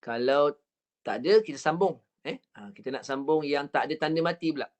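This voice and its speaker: Malaysian male recitation teacher, slightly high voice, patient drill-style delivery on a video call. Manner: patient, repetitive drilling with counted practice and demonstrations; stretches words very slowly when showing the recitation. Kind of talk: online recitation lesson. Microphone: computer mic on a video call.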